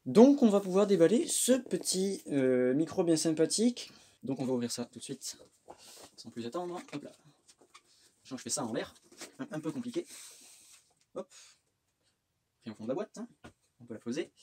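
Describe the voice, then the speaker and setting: A man's voice: a little high, moderate pace, long pauses, a little hiss or hum. A man chatting casually and joking at his own expense as he unboxes a microphone, recorded on a phone indoors. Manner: relaxed, chatty, self-mocking. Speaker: tech unboxing vlogger.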